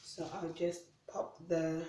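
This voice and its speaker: A woman's voice: fairly low pitch, takes it slowly. A woman from Uganda casually narrating her kitchen prep in a vlog, walking through each task step by step. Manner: relaxed, chatty, narrating tasks step by step. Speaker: vlogger. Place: home kitchen. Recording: echoey room, mic at a distance, noisy background.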